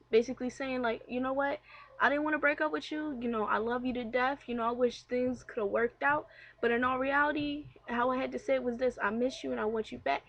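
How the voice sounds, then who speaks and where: A young woman vlogging a casual, personal rant in a candid, conversational, slangy way, swearing freely. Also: a little high. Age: young adult.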